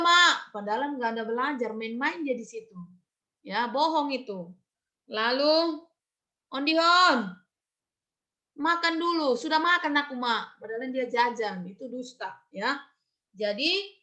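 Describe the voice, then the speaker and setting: Woman religion teacher for kids, high and bright, acts out children's lines, video-call sound. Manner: acts out children's excuses in quick quoted voices. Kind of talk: online children's religion lesson. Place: home room on a video call.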